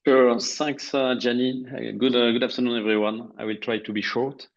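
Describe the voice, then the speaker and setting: A man with a French accent presenting on a webinar, speaking carefully and slowly in English with many pauses and filler sounds. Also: medium pitch, little pitch movement, gravelly. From France. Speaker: webinar speaker, company co-founder. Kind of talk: presentation on a video call. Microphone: video call. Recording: dull lo-fi call audio.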